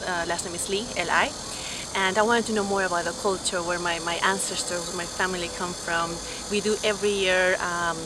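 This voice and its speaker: A young woman from Peru answering interview questions about her studies and work, fluent but with frequent fillers and restarts. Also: fairly low pitch. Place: outdoors on a university campus. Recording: clear background noise.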